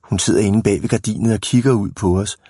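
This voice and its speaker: A sly, clever schoolboy from a storybook, as a man reads him aloud. The boy sounds lively and knowing, his voice soft and mellow, in a dry, close recording. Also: lowish voice, slightly rough, no room sound. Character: clever scheming young boy.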